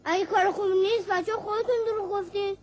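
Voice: extremely high pitch, steady tone, a little mellow. An actor playing a cheeky, sulky young boy who whines and pouts. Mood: defiant.

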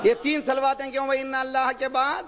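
Very high-voiced man preaching in a hall. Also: monotone, a crowd in the background. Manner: rhetorical questions to the audience, swelling to shouts. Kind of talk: impassioned sermon. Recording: long reverb of a large hall.

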